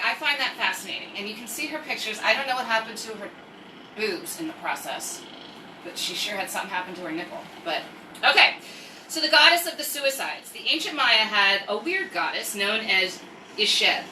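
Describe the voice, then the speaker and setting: A native English speaker from the United States, this woman hosts a casual live story time, reading aloud amid rambling, jokey asides. Her mid-range voice is bright and forceful. The recording carries a roomy echo and faint noise from a distant mic.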